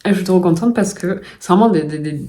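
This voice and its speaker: A woman vlogging casually at home, gushing with excitement and often restarting with fillers. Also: lowish voice, fast talker. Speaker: puzzle vlogger. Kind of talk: casual vlog chat.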